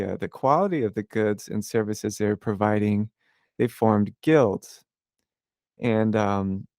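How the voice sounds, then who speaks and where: A man hosts a podcast, chatting casually about history in a rambling style full of fillers and false starts. His voice sits fairly low with a darkish, smooth tone, and the recording is dry and studio quality.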